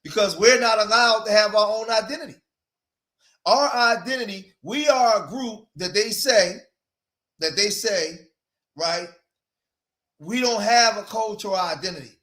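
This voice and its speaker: A man in his forties with an East Coast accent and a fairly high, fairly bright voice hosts a casual livestream in an echoey room. He speaks a little slowly with long pauses, addressing his viewers directly and repeating his own phrases to drive points home.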